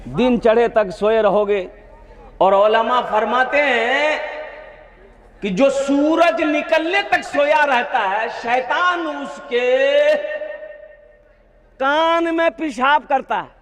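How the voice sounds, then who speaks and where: A high-voiced male preacher delivers a sermon with animated storytelling, acting out shouted lines and questioning the crowd. His voice rings through a long, echoing hall. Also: slow. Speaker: Islamic preacher. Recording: echoey hall.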